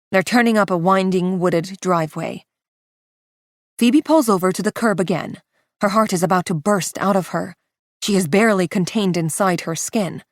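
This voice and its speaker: A woman narrating a psychological thriller audiobook in a tense, hushed delivery. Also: mid-range voice, no echo, clean studio sound. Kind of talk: scripted narration.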